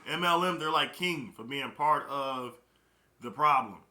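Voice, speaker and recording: Emphatic young man, bright and roomy. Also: medium pitch, unhurried. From Chicago, Illinois. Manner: emphatic, repeats key phrases. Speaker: network marketing recruiter. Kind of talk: casual motivational talk. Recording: roomy echo.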